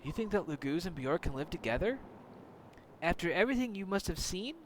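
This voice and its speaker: A man's voice: high-pitched, sing-song, brisk, a little hiss or hum. Fields: Figure: a man playing an earnest young mercenary hero. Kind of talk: reading game dialogue aloud.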